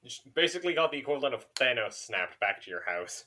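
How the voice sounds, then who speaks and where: A man's voice: medium pitch, quick pace, a little hiss or hum. A man narrating as game master of a tabletop game, playful and profane as he describes the scene. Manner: animated, swearing, playful.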